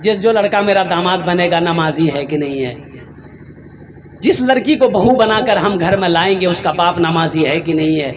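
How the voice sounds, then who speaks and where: A man's voice: sits high, normal speed, a little hiss or hum. A man delivering an impassioned sermon, firing rhetorical questions and answering them himself with repeated exclamations. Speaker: preacher.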